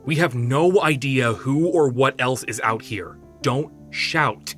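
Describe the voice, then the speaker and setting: A man voicing a serious young male drake hunter in an audiobook, terse, low and guarded. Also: takes it slowly, fairly bright tone, faint music behind. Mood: sharp warning. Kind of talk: audiobook character voice.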